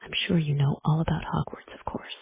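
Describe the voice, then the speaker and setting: A narrator whispering the part of a huge, gruff, bearded male giant who speaks in rough folksy words, in a whispered role-play. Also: mid-range voice, flat delivery, brisk, no room sound. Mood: friendly. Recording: dry, tinny phone-like sound.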